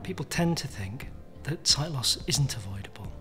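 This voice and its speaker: A man's voice: mid-range voice, lively intonation, moderate pace. A man speaking as a charity spokesperson, formally explaining research findings. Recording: soft music bed behind the voice.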